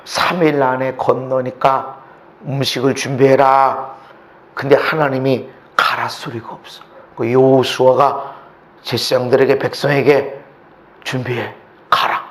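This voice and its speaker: A male pastor preaching a sermon, swinging from shouts to hushed asides and acting out the voices he quotes. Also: mid-range voice, level tone, measured pace. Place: church sanctuary.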